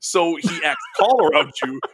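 A young man talks loosely on a podcast, his voice a little high. He swears often, laughs through his stories and slips into quoted lines to make his point. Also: expressive, moderate pace, fairly bright tone, husky. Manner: swearing, laughing, acts out a dog's thoughts in quotes. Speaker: podcast co-host. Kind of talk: casual podcast chat.

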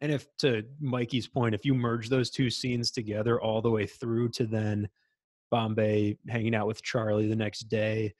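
Excited young man gushing about films. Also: moderate pace, no room sound. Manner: enthusiastic, acts out quotes in high voices. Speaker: podcast co-host. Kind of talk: casual movie discussion.

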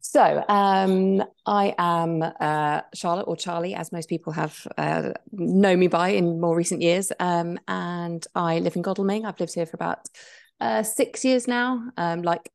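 Low gravelly woman chatting. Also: fairly even intonation, a little slow. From England. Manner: chatty, hesitant with many fillers. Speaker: guest, business co-founder. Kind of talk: conversational interview.

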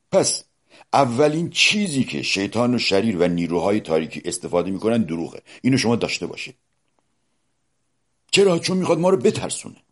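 Male preacher, husky low voice, lively delivery that jumps from loud to hushed, questions the listeners directly. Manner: dramatic swings between loud exclamations and hushed low asides. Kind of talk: sermon.

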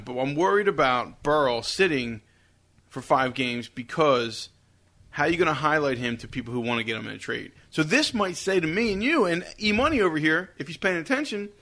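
A man's voice: fairly high pitch, fairly bright tone. A man hosting casual sports banter in a home basement, needling his co-hosts with joking questions. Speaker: sports talk host.

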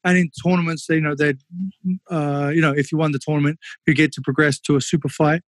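A man's voice: on the high side, little pitch movement, fast talker, dry recording. A man, a former kickboxer, telling stories in a casual interview, candid and swearing freely with lots of fillers.

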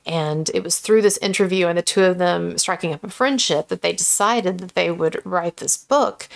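A woman host with vocal fry in a lowered voice, giving casual, opinionated commentary. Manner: speaks in a lowered pitch.

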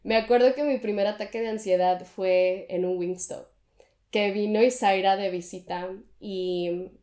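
A woman's voice: mid-range voice, steady tone, a little slow, mellow. A young woman, a podcast co-host telling a candid personal story in casual chat and mixing in English words. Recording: echoey room.

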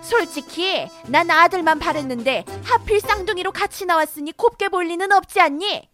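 A woman's voice: extremely high pitch, expressive, moderate pace, full character voice. A woman voicing a domineering older mother-in-law who scolds sharply and favors her grandson, in a cartoon drama. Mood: angry. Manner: scolding, sharp, rising to shouts. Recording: faint background music.

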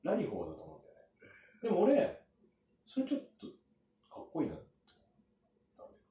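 A man's voice: fairly high pitch, wildly swooping pitch, mellow. A man in casual chat, telling stories at length with many fillers and asides. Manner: chatty, drawn-out storytelling with many fillers. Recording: roomy, from a distance.

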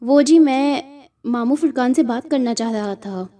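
A woman's voice: high-pitched, dark tone, natural voice. A woman voicing a timid, frightened young man in an audio horror story. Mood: nervous. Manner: hesitant, fearful. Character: young man, nervous, timid around his possessed wife.

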